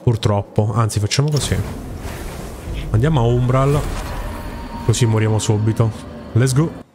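Excitable man commenting on gameplay. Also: mid-range voice, normal speed, background noise. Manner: excitable, talks to the game and its characters. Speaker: gaming YouTuber. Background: game music.

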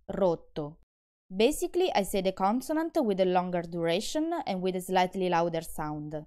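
Woman, Italian accent, language teacher, slow clear example words, encouraging. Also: medium pitch, a little mellow. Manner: friendly and encouraging. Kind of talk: language lesson.

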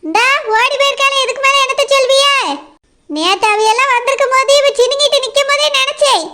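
A woman with a Kanyakumari Tamil accent voicing a sharp-tongued young daughter-in-law who fires off quick, accusing retorts. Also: very high-pitched.

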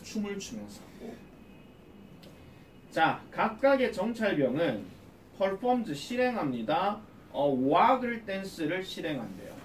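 A man's voice: high voice, very animated, takes it slowly, a little hiss or hum. A man teaching a class in a classroom and explaining a reading text, who keeps asking students questions and answering them himself. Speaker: academy English teacher. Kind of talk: classroom lecture. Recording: echoey classroom, from a distance.

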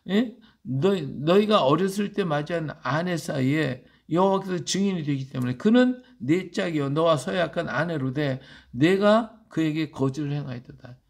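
Gravelly-voiced man preaching emphatically. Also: fairly high pitch. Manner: emphatic, asks the congregation "예?" for agreement. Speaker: pastor. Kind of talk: Bible reading with sermon commentary.

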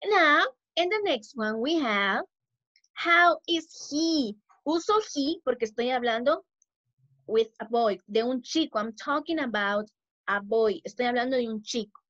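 A woman teacher talks slowly and patiently to young children on a video call, repeating each word and praising her pupils. Her voice sits high, and the call audio sounds dull and muffled. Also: expressive, fairly bright tone, dry recording. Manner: slow, clear and encouraging, repeating words and praising pupils. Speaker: English teacher. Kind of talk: bilingual online class for young children.

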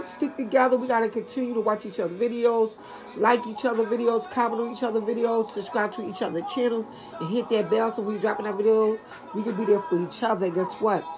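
Older lady chatting with her viewers about food, relaxed, music in the background. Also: medium pitch, fairly quick. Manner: chatty, talks straight to viewers. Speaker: food review vlogger. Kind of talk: casual chat to camera.

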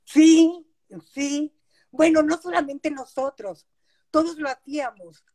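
An older woman with a Mexican accent, recalling her childhood as an interview guest over a video call, in a warm, nostalgic storytelling manner. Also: sits high, fairly even intonation, slow. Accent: Mexican Spanish. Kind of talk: casual reminiscing.

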